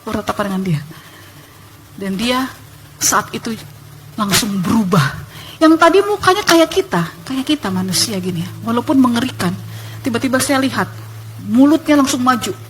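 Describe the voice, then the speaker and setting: A young woman telling her testimony in church, animated and emphatic, addressing the congregation. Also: a little high, moderate pace, long pauses.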